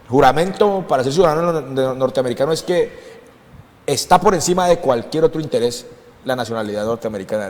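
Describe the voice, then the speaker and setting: A man's voice: on the high side, darkish tone, in a large hall. A man from Colombia speaking as a political commentator on a talk show, impassioned and emphatic, repeating phrases for stress.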